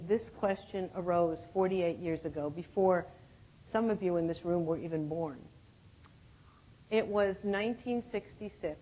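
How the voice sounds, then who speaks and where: A woman's voice: lowish voice, a little mellow, poor audio. Older woman telling her story at a podium. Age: 70s. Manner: reflective, clears her throat often, laughs at her own slips. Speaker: conference speaker. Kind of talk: personal storytelling talk. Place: conference room with audience.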